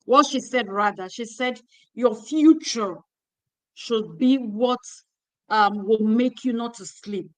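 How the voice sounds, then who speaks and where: A woman, her voice set a little high, urges her young listeners on with preacherly repetition. She hosts a ministry livestream, speaking into a phone held in her hand. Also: slow pace, rough recording. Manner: exhortative, preacherly, repeating phrases. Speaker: host. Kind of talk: closing remarks on a livestream.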